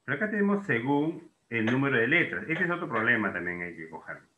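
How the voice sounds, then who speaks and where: A male teacher talks through a lesson in a lively, rising and falling voice with a bright edge. He keeps asking questions and answering them himself. The sound carries the echo of a bare room. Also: medium pitch, fast, dull audio. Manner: explains in questions, voicing students' doubts himself. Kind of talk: classroom lesson.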